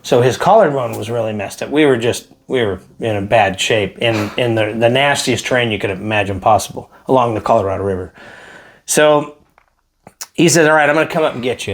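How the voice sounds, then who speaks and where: A man who is a helicopter pilot, telling a story casually in an interview and acting out the quotes with energy. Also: lowish voice.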